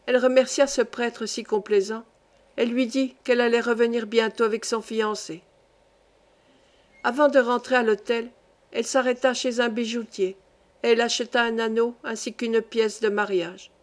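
A woman narrates a classic novel in audiobook style. Her reading is steady and measured, set in a fairly high voice. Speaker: audiobook reader.

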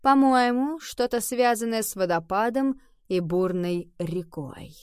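A woman's voice: on the high side, smooth, no echo, natural voice. A laid-back tomcat teacher drawls his words at a lazy crawl, as a woman reads him in a storybook. He sounds unbothered by anything around him, and the voice is dry and close. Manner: relaxed, slow and drawling. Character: unhurried male cat, a visiting teacher.

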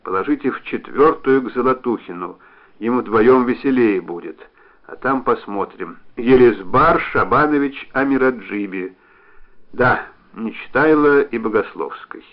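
A man reading the lines of a reserved male doctor who answers briefly and calmly, on a dull lo-fi recording. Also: medium pitch, unhurried. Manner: restrained and laconic. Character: calm, dry-witted male doctor.

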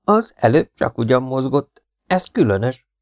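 A man's voice: big pitch swings, no echo, studio quality, close to an everyday voice. A man reading an audiobook voices a frightened, nervous male partisan in a raised, anxious voice. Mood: wondering. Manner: high, anxious, shouting warnings. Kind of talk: audiobook character voice.

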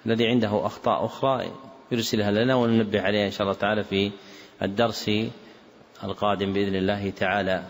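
A male scholar giving a lesson, reading out corrections to a text in a measured way and repeating page numbers for his students. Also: fairly low pitch, little pitch movement. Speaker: Islamic scholar teaching a book lesson. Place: lecture hall or mosque with loudspeakers. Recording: reverberant hall with faint ambient noise.

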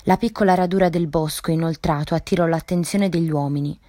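Woman reader, short story, measured narration, low voice, dry close sound. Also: fairly even intonation, dark tone, no room sound. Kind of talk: reading a short story aloud.

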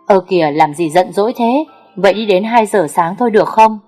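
A woman's voice: medium pitch, fairly quick, faint music behind, close to an everyday voice. A woman reading a teasing young guy on the phone. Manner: teasing, loud and laughing.

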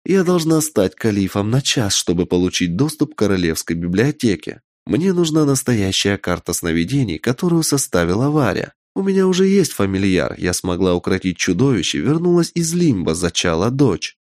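A man's voice: fairly low pitch, sing-song, normal speed, few pauses, a little mellow, dry recording, clean studio sound. A man voicing an imperious, ambitious witch who speaks coldly and commandingly, in a raised voice. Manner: cold, commanding, menacing.

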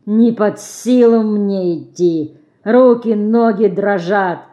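A woman reader voicing a weary, poor old organ grinder who speaks slowly in a folksy, mildly complaining way. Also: mid-range voice, warm tone, lo-fi sound, lightly acted. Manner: slow, folksy, mild complaining.

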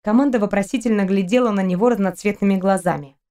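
A woman reading a science fiction novel aloud in an even storytelling manner. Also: medium pitch, quick pace. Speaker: audiobook narrator. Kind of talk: scripted narration.

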